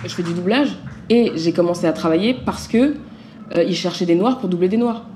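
A woman's voice: fairly low pitch, a little fast, noisy background. A woman who works as a dubbing actress, speaking frankly in a conversational interview. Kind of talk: documentary interview.

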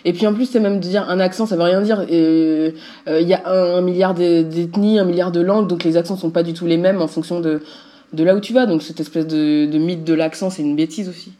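A woman who works in dubbing speaks frankly and conversationally in an interview. Her voice is mellow and dark. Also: fairly low pitch, steady tone, brisk. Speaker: dubbing actress. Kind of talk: documentary interview.

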